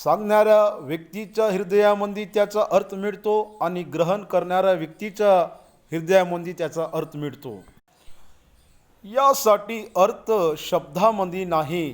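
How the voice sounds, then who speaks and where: A man giving a Bible commentary sermon, explaining verse by verse in a deliberate way with occasional restarts, and addressing listeners as brothers and sisters. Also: high voice.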